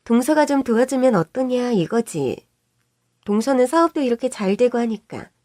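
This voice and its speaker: A woman's voice: fairly high pitch, big pitch swings, mellow, no echo, clean studio sound. A woman voicing a pushy, scheming middle-aged sister-in-law who wheedles and snaps. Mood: wheedling. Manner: pushy, wheedling, quick to snap.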